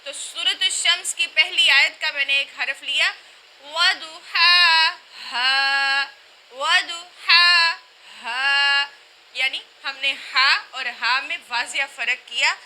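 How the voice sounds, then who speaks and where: A woman teaching a recitation class, explaining pronunciation and slowly repeating sounds and words to demonstrate them. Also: high voice, sharp tone, rough recording.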